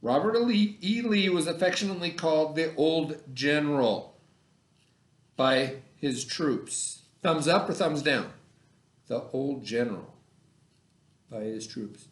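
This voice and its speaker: Unhurried and on the high side, a middle-aged man teaches children over a remote video lesson, reading aloud and explaining in a relaxed, conversational way. As an elementary school teacher he often repeats himself and asks questions to check they follow, all recorded in an echoey indoor room.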